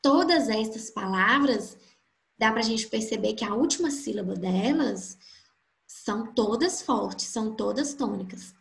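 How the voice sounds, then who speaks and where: A woman gives a grammar lesson at an unhurried pace. Her voice is pitched a little high and has a gravelly edge. She draws out every example word syllable by syllable, and the room around her is echoey. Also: animated. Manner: slow, stretches out example words syllable by syllable. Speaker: Portuguese teacher.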